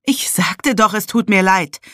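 A woman's voice: fairly high pitch, brisk, dry recording, clean studio sound, voice pushed up, close to an everyday voice. A narrator voicing a spirited young woman detective who exclaims and defends herself. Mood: flustered.

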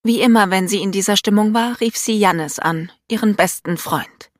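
A woman reading a novel aloud as narrator, in calm, even storytelling. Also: mid-range voice, normal speed, dry recording, clean studio sound. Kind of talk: scripted audiobook narration.

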